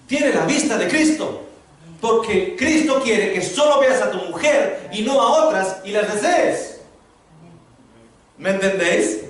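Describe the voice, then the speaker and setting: High-voiced male preacher in an echoey hall. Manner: humorous storytelling, lively preaching to a congregation. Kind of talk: sermon. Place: large hall before a congregation. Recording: echoey hall, distant voice, faint noise.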